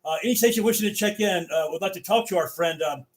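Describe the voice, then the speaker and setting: A man chatting casually as a radio net controller, halting and often repeating his words. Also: high-pitched.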